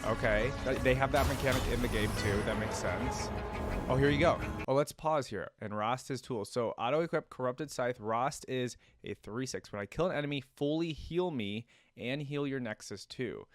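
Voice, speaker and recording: With game trailer music playing in the background, a man gives casual reaction commentary and talks to his viewers. He hosts reaction videos and speaks at normal speed with a medium pitch.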